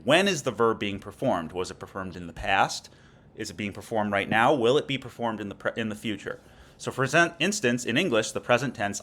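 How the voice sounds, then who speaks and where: Male instructor, lowish voice, patient lecture delivery with frequent check-ins. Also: a bit bright. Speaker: Latin teacher. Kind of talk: recorded lecture.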